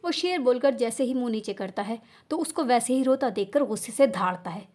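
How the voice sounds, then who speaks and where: A woman's voice: on the high side, lively intonation, fairly quick, darkish tone. A woman narrating an audio novel in a dramatic, emotive storytelling style.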